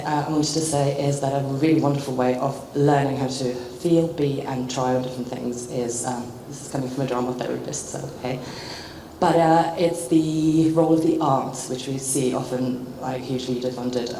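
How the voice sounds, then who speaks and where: A woman's voice: a bass voice, little pitch movement, normal speed, warm tone. A woman from the Czech Republic with a London British accent, speaking as a psychotherapist in a group discussion with hesitant, reflective phrasing. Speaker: psychotherapist and audience contributor. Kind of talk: spontaneous comment at a group discussion. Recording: echoey room, background noise.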